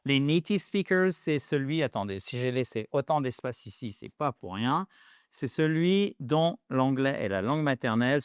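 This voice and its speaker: A man teaching English to French speakers in a lively video lesson, a native French speaker who addresses viewers as dear friends and repeats English phrases slowly. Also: medium pitch, no echo, clean studio sound.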